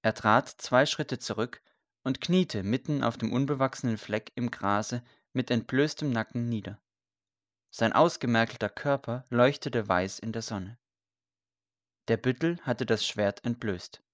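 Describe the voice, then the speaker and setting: A male audiobook narrator reading a story in a measured, steady manner. His voice sits at a middle pitch. The recording is dry and close. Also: dry recording.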